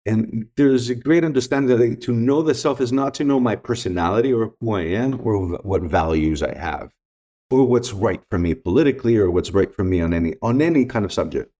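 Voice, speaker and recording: As a podcast guest, a middle-aged man whose first language is Greek shares reflective stories in conversation, stressing and repeating his key points with earnest emphasis. His voice is fairly low, warm and expressive, and a little fast.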